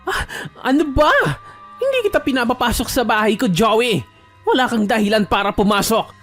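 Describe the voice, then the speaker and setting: A man's voice: very high voice, expressive, moderate pace, a bit bright, soft background music. A man voicing a cagey, defensive homeowner. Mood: irritated. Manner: defensive, irritated, evasive. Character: defensive young man guarding his house.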